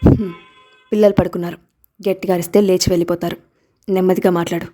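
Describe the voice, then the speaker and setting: An arrogant husband who talks down with quiet intensity, read by a woman narrator. The voice stays mellow and low-key rather than acted out. Storybook romance reading. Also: little pitch movement, fast talker, soft background music, lightly acted. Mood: persuasive. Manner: intense, pleading then domineering. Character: brooding possessive husband, proud, arrogant.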